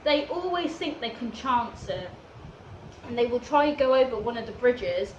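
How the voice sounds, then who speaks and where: A woman telling a casual storytime rant in an animated, dramatic way, acting out what people said. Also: a little high, moderate pace, lo-fi sound. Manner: animated, dramatic retelling with acted-out quotes. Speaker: storyteller in a two-person story time. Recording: roomy echo, faint background noise.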